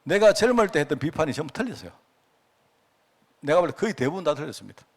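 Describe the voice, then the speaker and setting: A man's voice: a little high, sing-song, fast talker. A middle-aged man with a Gyeongsang accent, preaching a sermon as pastor in a folksy, conversational way and often asking his listeners to agree. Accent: Gyeongsang Korean.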